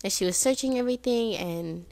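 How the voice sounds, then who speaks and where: Young woman, casual chat, excited and chatty, slightly high. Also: a little fast, creaky, crowd noise. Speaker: friend, co-host.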